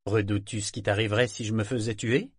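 A man's voice: fairly low pitch, flat delivery, fast, breathy edge, dry recording. Guy playing a hard pirate captain, clipped orders, dry close mic. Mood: commanding. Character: commanding pirate captain, cold and decisive.

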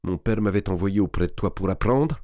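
A man's voice: sits low, a little fast, dark tone, dry recording, studio quality, natural voice. A man reading aloud, voicing a hot-tempered young man of twenty who flares into anger. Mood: weary. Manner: impetuous, rising to anger.

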